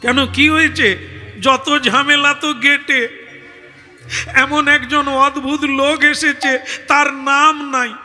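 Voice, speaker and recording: A man's voice: very high-pitched, little pitch movement, slow, sharp tone, in a large hall, soft background music. A man telling a devotional story in kirtan style, dramatically voicing the characters. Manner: dramatic, switches between voices of characters.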